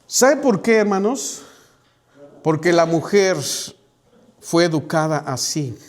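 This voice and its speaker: A man's voice: on the high side, lively intonation, slow pace. A man preaching a sermon to a small church congregation, addressing his listeners directly and acting out the voices of people he quotes. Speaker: pastor.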